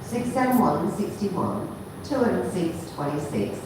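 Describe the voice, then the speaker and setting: A woman calls bingo in a formulaic patter, giving each number as digits and then as a whole. Her voice is on the low side and rises and falls widely. It comes from far off in a very reverberant, noisy hall. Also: expressive, slow. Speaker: bingo caller. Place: large echoing hall, heard from far off. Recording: distant, very echoey hall, clear background noise.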